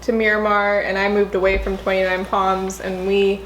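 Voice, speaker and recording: A woman's voice: mid-range voice, flat delivery, normal speed. A young American woman vlogger chatting casually to camera while eating, with bubbly, slangy speech. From Orange County, California, USA. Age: young adult. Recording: roomy echo, clear background noise.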